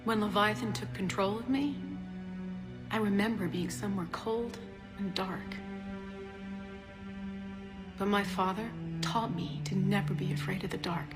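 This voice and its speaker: A woman voicing a grieving young female scientist in video game dialogue, speaking in a hesitant, halting, emotional way, with game music behind. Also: mid-range voice, natural voice.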